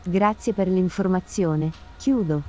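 A woman's synthetic voice acting as a police dispatcher, giving flat formal radio phrases. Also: fairly low pitch, takes it slowly, muffled recording, faint music behind.

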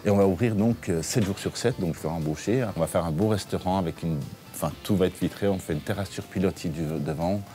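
A man in his forties, a restaurant owner, talking in an interview in a relaxed, chatty way, with fillers and restarts. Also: low-pitched, fairly quick, faint music behind. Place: his restaurant dining room.

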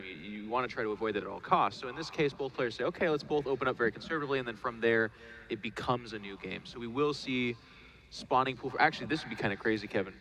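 A male esports commentator giving live analysis in a relaxed, talkative way. He breaks down the players' decisions and slips in jokes. His voice sits at an average pitch. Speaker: esports caster.

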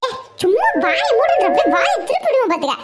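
Shrill, mocking village wife. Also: male voice, huge pitch swings, quick pace, heavy background noise, heavily acted. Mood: scornful. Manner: scolding, mocking, laughing through lines. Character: sharp-tongued brash young village wife. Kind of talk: comedy skit acting.

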